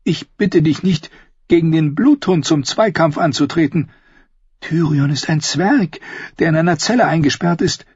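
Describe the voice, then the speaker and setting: A man voicing a scheming, pleading queen in a raised falsetto for an audiobook. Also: moderate pace, darkish tone, breathy edge, dry recording. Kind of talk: audiobook reading. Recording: dry, dull close recording.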